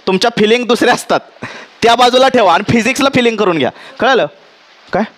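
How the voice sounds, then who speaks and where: High-voiced Marathi physics teacher quizzing class. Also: male voice, fairly bright tone. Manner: quizzes students with frequent checks and dictates slowly. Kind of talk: classroom lecture.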